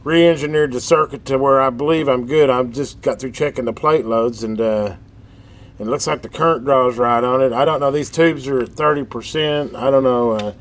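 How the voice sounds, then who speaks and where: The host of a radio repair channel, a middle-aged man with a medium-pitched voice and moderate pace, gives casual hands-on repair commentary. He rambles folksily, as if thinking aloud, in a metal-building workshop with background noise.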